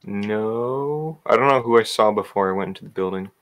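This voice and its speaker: A young man in a casual gaming voice chat, answering questions in a calm, low-key, slightly defensive way. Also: normal speed. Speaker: gamer.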